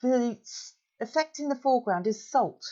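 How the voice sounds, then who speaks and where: A middle-aged woman, hosting an art vlog, chatting through a funny story and a painting demo in a lively, self-mocking way. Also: on the high side, moderate pace, dull audio. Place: room at home. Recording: roomy echo, mic at a distance.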